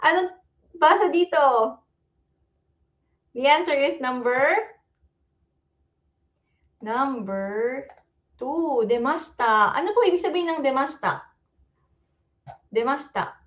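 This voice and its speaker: A Filipino-accented woman leads a relaxed livestream lesson at an unhurried, deliberate pace, her voice sitting a little high. She drops in easy fillers and laughs now and then. The stream audio is dull and lo-fi. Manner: casual, repeats fillers like ayan and okay, laughs often; mixes Tagalog and English. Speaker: Japanese language teacher. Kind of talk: livestreamed exam review lesson.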